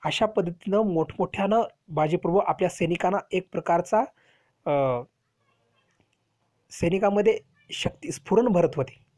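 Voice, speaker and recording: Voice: mid-range voice, normal speed, darkish tone. A teacher telling a history lesson to children, explaining step by step and asking rhetorical questions.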